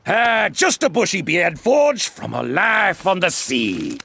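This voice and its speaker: An actor playing a scheming old male duck tycoon posing as a bait seller, with a South African accent and loud huckster patter. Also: sits high, huge pitch swings, slow pace, gravelly, slightly rough, full character voice. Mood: bluffing. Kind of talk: cartoon voice acting.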